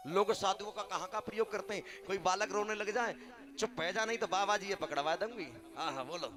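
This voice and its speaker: A man's voice: high-pitched, a little fast, over music. A man telling a devotional story as a religious storyteller, acting out the characters' lines and often exclaiming "aha" between them.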